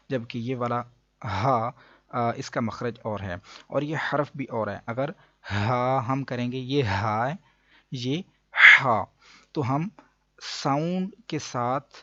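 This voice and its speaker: A man teaching a Quran reading lesson. He explains each rule, then slowly drawls out the letter sounds for the listener. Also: mid-range voice, bright, forceful tone, dry recording. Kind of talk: step-by-step recitation lesson. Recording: dull dry lo-fi recording.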